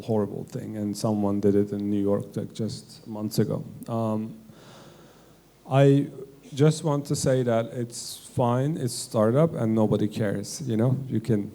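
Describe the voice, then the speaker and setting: A man speaking as a panelist at a fireside chat, earnest and halting, often rephrasing mid-sentence. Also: fairly low pitch, gravelly, warm tone.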